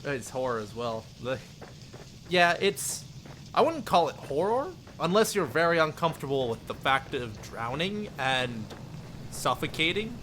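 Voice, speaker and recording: A man with a fairly high, sing-song voice chats unhurriedly on a live stream, rambling casually and often chuckling as he answers viewers. Between chat replies he reads some story narration aloud, with background noise audible.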